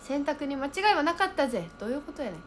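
Chatty young woman streamer, high voice. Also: very fast, faint music behind. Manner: chatty, lively, thinks aloud and reacts to comments. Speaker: idol livestreamer reading viewer comments. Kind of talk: casual livestream chat.

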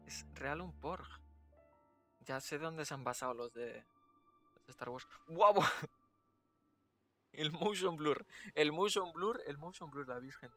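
A man giving excitable, jokey let's play commentary, swearing freely. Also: fairly high pitch. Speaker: streamer.

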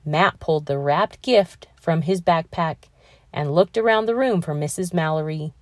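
A woman reading a children's picture book aloud in a measured, expressive storytelling manner. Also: sits low, no room sound, clean studio sound. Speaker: read-aloud narrator.

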